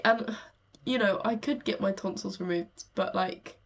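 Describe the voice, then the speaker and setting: A woman's voice: mid-range voice, a little slow, muffled recording. A woman co-hosting a podcast, chatting frankly and laughing often, currently ill with a sore throat. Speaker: podcast co-host. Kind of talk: casual chat.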